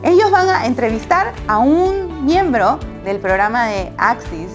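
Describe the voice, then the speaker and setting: A woman announcing a show segment in a bright, lilting way. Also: fairly high pitch, lively intonation, normal speed, over loud music. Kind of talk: announcer intro.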